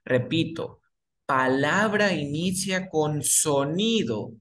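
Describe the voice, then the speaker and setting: Spanish-speaking man as a patient English tutor, unhurried, repeats words and quizzes the listener. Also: fairly high pitch, expressive, fairly bright tone, slight background noise. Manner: repeats words slowly, asks and answers his own questions. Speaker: English teacher. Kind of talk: explaining grammar to beginners.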